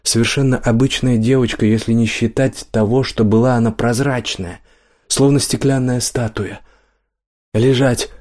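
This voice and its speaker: A man narrating a fantasy audiobook in a steady, even storytelling voice. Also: mid-range voice, moderate pace.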